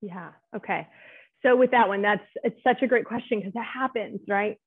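A woman therapist gives a relaxed, chatty presentation, often turning to her listeners with a quick "right?". Her voice sits at an ordinary middle pitch. It comes through a thin, phone-like video call line. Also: breathy edge, dry recording. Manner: chatty, keeps asking "right?" to check in with listeners. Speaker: clinical social worker presenting to clinicians. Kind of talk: conversational webinar presentation. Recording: tinny phone-like audio.

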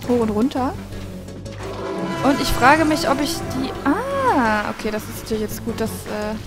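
A woman's voice: a little high, very animated, a little slow. A woman giving casual gaming commentary, chatting and thinking aloud as a let's play host. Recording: game music behind the voice. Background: video game music and effects.

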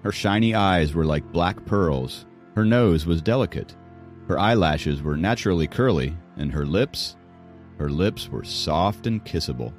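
A man reading a novel aloud as audiobook narrator, in steady scripted narration. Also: low-pitched, a little slow, soft background music.

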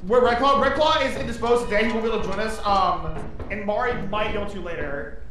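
A woman's voice: medium pitch, fast talker, over music. A woman streamer in casual gaming talk, exclaiming and addressing her viewers directly. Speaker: game streamer talking to chat. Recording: echoey, very noisy game voice audio.

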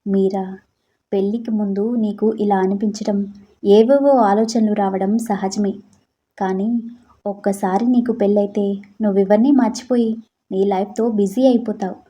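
A woman voicing a caring, firm middle-aged mother who talks in a calm, reasoning way. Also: mid-range voice, moderate pace, pauses often, natural voice.

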